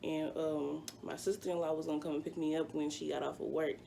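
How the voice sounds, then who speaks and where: A woman's voice: sits low, level tone, a little fast, creaky, warm tone, a little hiss or hum. A woman in her twenties, a vlogger chatting through a personal story with plenty of fillers. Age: 20s. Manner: chatty, rambling, full of fillers. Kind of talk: casual storytime.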